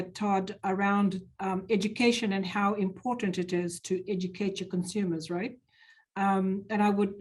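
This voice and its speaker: A woman moderates a webinar panel. She thanks each speaker and asks polite, measured questions before handing over the floor. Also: mid-range voice, darkish tone.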